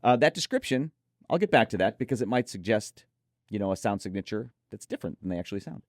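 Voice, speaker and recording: The host of this audio gear preview is a man who reads out specs and chats about them enthusiastically. His low-side voice moves fast with lively intonation. The sound is clean studio audio without echo.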